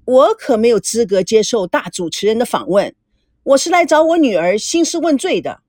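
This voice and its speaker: A woman's voice: fairly high pitch, very animated, normal speed, darkish tone, dry recording, studio quality. A woman voicing a stubborn older father who speaks curtly and sarcastically. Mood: grumbling. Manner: curt, grumbling, sarcastic. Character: gruff stubborn older father, a company chairman.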